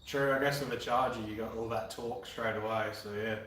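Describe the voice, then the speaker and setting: A Western Australian man in his twenties chats casually with viewers on a live stream from his garage, laid-back and swearing now and then in his Australian accent. His medium-pitched voice is brisk, fairly bright, and fairly even. The room is very echoey and the mic is far off.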